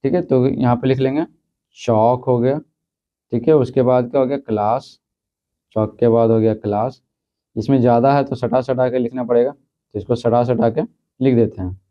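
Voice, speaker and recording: A man teaching a school lesson, reading textbook questions and answers, then repeating them slowly with frequent check-ins. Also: mid-range voice, fairly even intonation. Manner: repeats answers, fills with "theek hai". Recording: slightly dull lo-fi recording.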